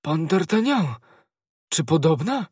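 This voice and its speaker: A man voicing a frightened, sleepy male servant who shouts in a shrill panic, in a storybook reading. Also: sing-song, takes it slowly, slightly rough, no room sound, clean studio sound, full character voice. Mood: astonished.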